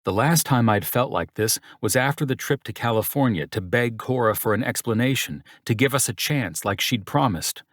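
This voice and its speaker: A man's voice: medium pitch, lively intonation, normal speed, hardly any pauses, fairly bright tone, no room sound, clean studio sound. A man narrating a first-person romance audiobook in a wry, sardonic tone.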